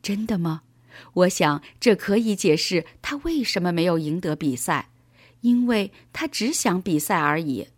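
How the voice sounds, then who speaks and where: A woman voicing a gentle, patient father explaining things to his son in a children's story. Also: on the low side, expressive, a little slow, breathy edge, dry recording. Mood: calm.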